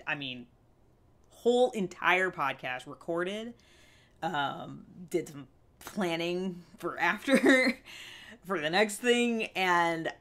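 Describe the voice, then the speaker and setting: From a small indoor room with a fabric backdrop, a vlog host in her thirties talks candidly to camera about self-help. Her voice is on the low side with a fairly bright tone, and her manner is earnest, conversational and emphatic, with frequent questions checking in on the listener.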